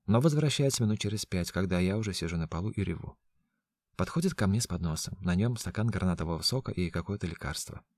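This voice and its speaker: A man narrating a story in a hushed, tense reading style. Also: deep voice, lively intonation, fast talker, dry recording, studio quality. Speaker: audiobook narrator. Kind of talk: scripted narration.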